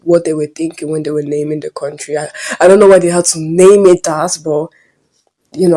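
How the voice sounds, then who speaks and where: A Nigerian teenage girl with a Nigerian accent, telling a casual storytime vlog in a rambling, hesitant way. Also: lowish voice. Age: late teens. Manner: rambling and hesitant, often trailing off quietly. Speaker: vlogger.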